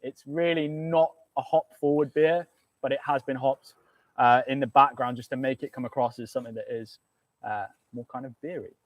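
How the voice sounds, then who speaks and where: A man's voice: mid-range voice, steady tone, normal speed, no room sound. A man with a British accent, a brewer hosting a live beer tasting, talking casually with many ums and laughs. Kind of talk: casual live-stream chat.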